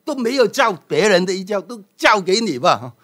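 A man playing a generous old kung fu master, fond tone, storybook telling, raised pitch. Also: big pitch swings, moderate pace, a bit bright, heavily acted.

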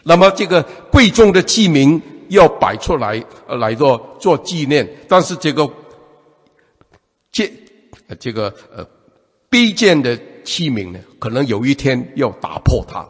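Husky preacher man in an echoing hall. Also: medium pitch, a little slow. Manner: lively preaching, many repeated fillers and restarts. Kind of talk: sermon. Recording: long hall reverb.

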